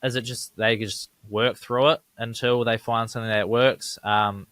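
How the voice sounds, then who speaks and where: A man's voice: medium pitch, fairly even intonation, normal speed, a bit bright, no room sound. A man, co-hosting a casual sports podcast, talking conversationally and checking in with tag questions. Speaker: podcast co-host.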